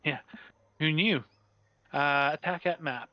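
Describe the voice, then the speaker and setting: A man's voice: on the high side, slow pace, muffled recording, noisy background. A man playing a tabletop game, chatting casually and jokingly about his moves.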